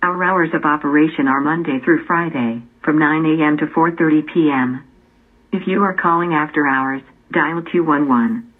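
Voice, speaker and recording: A woman reading recorded phone menu options in a measured way. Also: deep voice. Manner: measured, spells out letters. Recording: tinny phone line.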